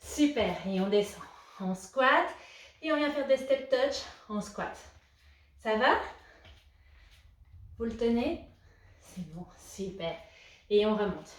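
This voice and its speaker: A young fitness coach leads a guided postpartum workout at home, calling out breaths and counting reps with steady encouragement and slow, long pauses. She moves around the room away from the camera, so her fairly high voice is picked up from a distance. The room gives off a clear, roomy echo.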